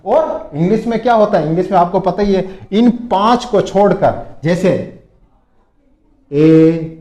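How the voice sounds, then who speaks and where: A man's voice: high-pitched, a little mellow, reverberant. A man teaching an English grammar lesson to students, patiently repeating points and asking rhetorical questions.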